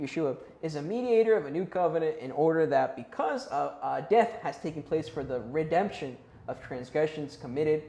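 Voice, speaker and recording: Pitched on the high side with a darkish tone, a man leads a youth Bible class in a casual, chatty way. He checks in with the young people and isn't sure how to pronounce some Hebrew and Greek words, and the room adds an echo.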